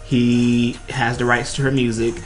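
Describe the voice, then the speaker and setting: Male radio co-host, mid-pitched voice, animated and halting, faint music bed. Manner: animated, halting, repeats himself, says "you know" a lot. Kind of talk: casual opinion chat.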